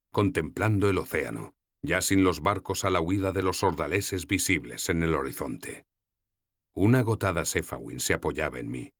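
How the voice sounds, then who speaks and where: A man narrating a first-person audiobook in a wry, measured way. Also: low-pitched, no room sound, studio quality.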